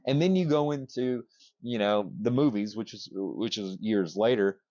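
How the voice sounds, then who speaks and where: A man co-hosting a casual podcast, rambling excitedly with many restarts and casual swearing. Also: fairly low pitch, normal speed, no room sound, dull audio. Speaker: podcast co-host. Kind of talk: casual chat.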